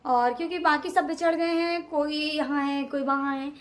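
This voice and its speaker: Young woman, high voice, casual vlog chat, emotional. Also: steady tone, moderate pace. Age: young adult. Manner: talks to viewers directly, chatty and emotional. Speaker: vlogger.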